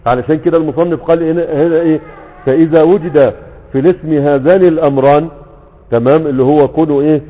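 A man's voice: on the high side, fairly even intonation, quick pace. A man with an Egyptian accent teaching Arabic grammar, who keeps posing questions to the class and answering them himself. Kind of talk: grammar lesson explaining a classical text. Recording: tinny phone-like sound with long hall reverb.

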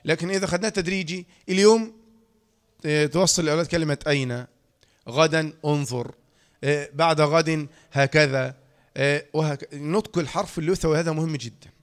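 Man, Egyptian accent, slightly high voice, tajweed teacher, lecture, demonstrates sounds. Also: fairly even intonation, fairly quick, pauses often. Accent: Egyptian Arabic. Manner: demonstrates letter sounds, asks students questions. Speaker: Quran recitation teacher.

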